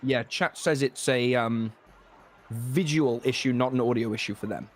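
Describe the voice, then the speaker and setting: A man's voice: mid-range voice, moderate pace. A man in a streamed tabletop game, speaking hesitantly with many fillers. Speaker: player.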